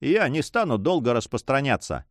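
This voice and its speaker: A man's voice: mid-range voice, sing-song, normal speed, no echo. A man voicing a cool, mocking male pirate captain who speaks with dry sarcasm, in an audiobook reading. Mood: coldly sarcastic. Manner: ironic, coolly sarcastic.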